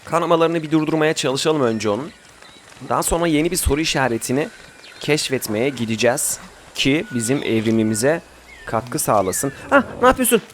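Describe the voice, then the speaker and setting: This is casual Let's Play commentary from a young man playing a survival game, speaking at normal speed with a medium pitch. He banters, gives his group orders, and erupts abruptly at times, with a little background noise behind him.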